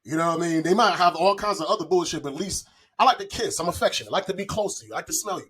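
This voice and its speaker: His voice sits high and a bit bright, and he talks at a racing clip. The speaker, a podcast guest in his forties, keeps things casual with personal anecdotes, profanity, slang and plenty of repeating himself.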